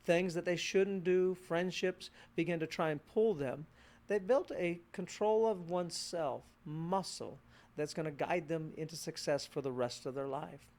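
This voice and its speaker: A man's voice: a little high, measured pace, darkish tone. A middle-aged male pastor preaching a sermon in a conversational way, acting out short voices of children and parents.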